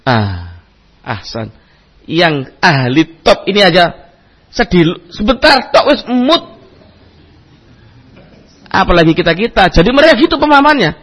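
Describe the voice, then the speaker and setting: A man giving a religious lecture as a preacher, telling a story in an animated way and acting out the people in it. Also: high voice, unhurried, pauses often, husky. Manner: animated, acts out quoted voices, mixes in Arabic terms. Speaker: Islamic preacher.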